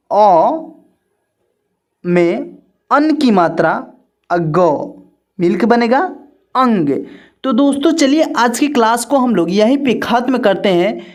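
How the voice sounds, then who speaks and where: A woman with a fairly high voice teaches an alphabet lesson at a very slow, careful pace. She repeats each sound and example word and keeps checking that the learner is following. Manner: slow, repetitive, checks in often.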